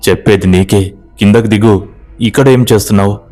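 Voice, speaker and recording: Give me a man voicing a stubborn young husband in a storybook horror tale, shouting and demanding. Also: fairly low pitch, steady tone, brisk, faint music behind, close to an everyday voice.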